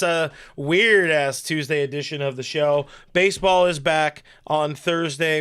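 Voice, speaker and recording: A man's voice: a little high, a bit bright, clean tone. A man hosting a sports podcast, chatting loosely and joking through his sign-off. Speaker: podcast host. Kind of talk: casual chat.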